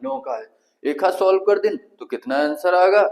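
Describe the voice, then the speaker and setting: A man's voice: sits high, expressive, moderate pace, creaky, darkish tone, rough recording. A man with a Kanpuri Hindi accent teaching an exam-prep math lesson, asking the class questions and answering them himself step by step.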